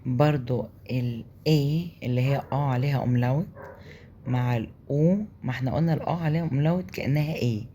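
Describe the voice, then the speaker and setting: A man's voice: mid-range voice, dark tone, slight background noise. A man with an Egyptian Arabic accent teaching German pronunciation, patiently repeating each sound and checking in with his listeners. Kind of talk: explaining pronunciation in a lesson.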